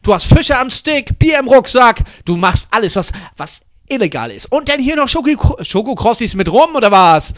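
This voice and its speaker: A hoarse man rattles through a crude comedy skit, often shouting and dropping English words into his German. His voice sits high, swings widely and cuts through bright and sharp, with a dry, close sound. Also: big pitch swings, moderate pace, no echo.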